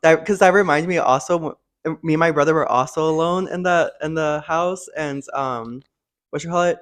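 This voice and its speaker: Higher-voiced young man telling spooky stories. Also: normal speed, a bit bright. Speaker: storyteller sharing personal ghost stories. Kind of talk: casual conversational storytelling.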